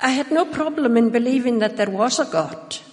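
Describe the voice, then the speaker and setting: A woman's voice: fairly high pitch, animated, darkish tone. Woman giving a solemn testimony, reverberant hall. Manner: measured, solemn, pausing for translation. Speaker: testimony speaker with interpreter. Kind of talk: personal testimony in short phrases. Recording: long reverb of a large hall.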